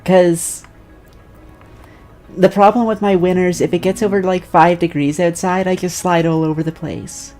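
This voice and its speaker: A woman with a slight lisp and a slightly low voice chats offhand and dry while she plays. Her tone stays casual and easygoing, with faint game music under her talk. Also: steady tone, moderate pace, a little mellow. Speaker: streamer. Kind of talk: casual chat while gaming.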